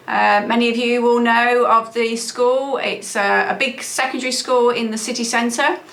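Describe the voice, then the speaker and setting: A fairly high-voiced woman speaks to parents in an earnest, reassuring way, now and then pausing on an "uh" or "um". The room around her echoes. She sounds like a school leader giving a prepared talk. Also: sharp tone. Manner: earnest and reassuring, with frequent fillers. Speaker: trust CEO and head teacher.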